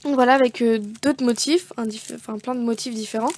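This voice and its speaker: Fairly quick and steady, this woman's high-leaning voice has a darkish tone. She shows off nail art and craft supplies in a loose unboxing chat, wandering off topic, fixing her own words, and using lots of fillers.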